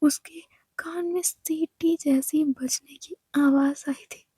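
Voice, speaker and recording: A woman narrating a love story in a hushed, mostly whispered voice. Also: high voice, steady tone, slow, no echo, poor audio.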